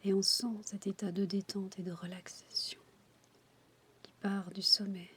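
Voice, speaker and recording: A woman speaks in a close, intimate whisper, entirely breathy. She gives soothing relaxation instructions at a very slow pace with little melodic movement. A faint ambient noise sits behind her voice. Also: medium pitch, little pitch movement, fairly bright tone. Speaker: relaxation guide for childbirth. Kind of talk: whispered ASMR guided relaxation.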